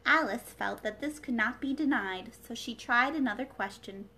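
A young adult woman hosts a children's read-aloud from a small living room, reading a story at a moderate pace in a fairly high, pushed, bright voice. She sits a little distance from the mic, and the home livestream carries faint noise.

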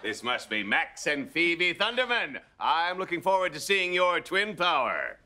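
An actor playing a showy, callous middle-aged superhero contest commander with a pompous manner in a sitcom. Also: male voice, on the high side, sing-song, unhurried, background noise. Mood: smug. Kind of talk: sitcom acting.

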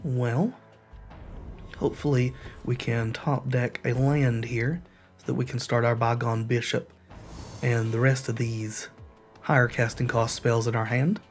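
A gameplay commentator explains card rules in his online card game, then mutters along with the action while he recovers from a cold. He speaks at a measured pace in a flat, medium-pitched voice, with faint music behind him.

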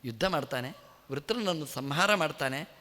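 Male preacher telling scripture stories, bright and animated, in a long-echo temple hall. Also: on the high side, normal speed. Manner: animated storytelling with rhetorical questions to the audience. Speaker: religious leader giving a discourse. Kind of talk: devotional sermon storytelling.

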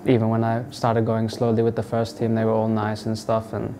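A young man from Australia, a football player answering interview questions in a relaxed, halting way with many fillers. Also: lowish voice, slight background noise. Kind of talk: sit-down interview. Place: indoors in front of a wall of football boots. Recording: music playing underneath.

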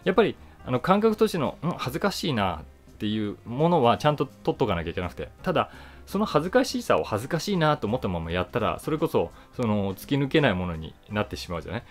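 A man in his forties, an actor and voice actor hosting his own channel, gives a casual, reflective monologue to camera from a seat in a small room. He talks fast in a sing-song, medium-pitched voice, punching key words and drifting into asides, with soft music in the background.

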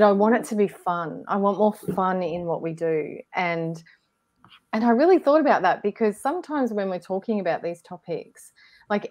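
A woman co-hosting a casual online discussion, reflective and gently encouraging, often restarting her sentences. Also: fairly low pitch. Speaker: co-host. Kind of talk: casual group discussion on a video call.

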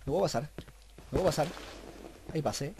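A young man with a Chilean accent giving let's play commentary, cursing nonstop and breaking into panicked yells. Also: on the high side, quick pace, vocal fry, background noise. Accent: Chilean Spanish. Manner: swears constantly, bursts into panicked yelling. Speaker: gamer. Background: horror game music and sounds.

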